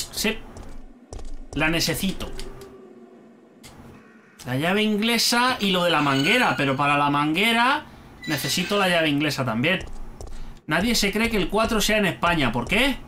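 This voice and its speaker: A man's voice: high-pitched, sharp tone, slight background noise. A man with a Spain Spanish accent giving chatty let's-play commentary, swearing freely and talking to himself. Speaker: gaming youtuber.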